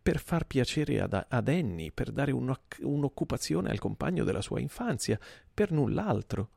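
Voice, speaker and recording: A man voicing a gentle, elderly scholar who answers in anguish. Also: medium pitch, big pitch swings, normal speed, creaky, no echo, clean studio sound, voice pushed up, full character voice. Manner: anguished, imploring.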